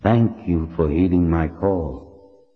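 A man voicing the spirit of an ancient male ancestor, speaking slowly and solemnly in riddles. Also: low-pitched, big-room sound, phone-quality sound, faint music behind.

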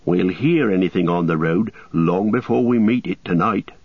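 A man doing a blunt, gruff Farmer Maggott. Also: deep voice, moderate pace, dry recording. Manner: blunt country talk. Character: gruff, kindly old hobbit farmer. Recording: dull lo-fi audiobook recording.

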